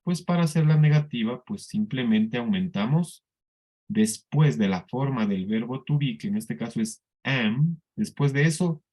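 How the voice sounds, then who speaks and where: A man teaching an English class in Spanish with a Colombian accent, explaining slowly and patiently and often checking that the students follow. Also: medium pitch, animated, darkish tone. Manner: slow, patient explaining with frequent checks for understanding. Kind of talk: classroom lesson.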